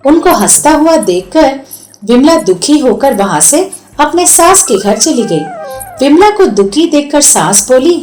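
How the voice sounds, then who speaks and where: A woman narrating a cartoon story in a slow, expressive storytelling manner. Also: high voice, echoey room.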